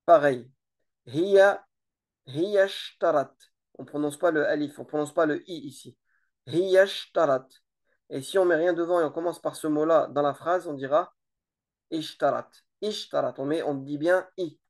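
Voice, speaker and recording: Hesitant teacher explaining grammar slowly. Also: medium pitch, a little mellow. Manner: explains slowly, repeats words, many hesitations. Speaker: Arabic teacher. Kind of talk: informal grammar lesson.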